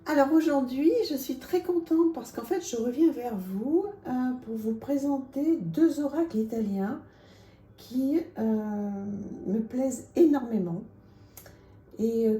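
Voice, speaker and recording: A woman presenting oracle card decks in a casual, chatty vlog, with lots of small pauses and fillers. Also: on the high side, dark tone, roomy sound. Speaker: tarot and oracle card reviewer.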